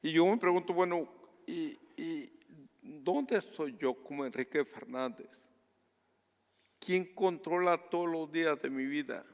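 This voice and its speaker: A man from Guatemala preaching a sermon as pastor, earnest and measured, dropping to a hush for personal stories. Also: fairly high pitch, in a large hall.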